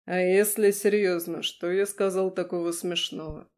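A woman's voice: lowish voice, steady tone, moderate pace, darkish tone, lightly acted. A woman reading an audiobook, voicing a brash, teasing male werewolf lover with a crude, purring manner. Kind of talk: audiobook character voice.

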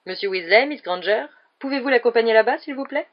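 A woman voicing a vain, overconfident adult male teacher in an audiobook reading, speaking loudly and with great self-assurance. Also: a little high, expressive, quick pace, muffled recording, pitched above the performer's own voice. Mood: pompous. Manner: loud, brassy and self-assured.

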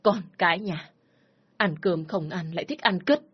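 A woman voicing a stern, domineering older father who shouts and scolds harshly, in a spoken story. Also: on the low side, normal speed, slightly rough, muffled recording. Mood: furious shouting.

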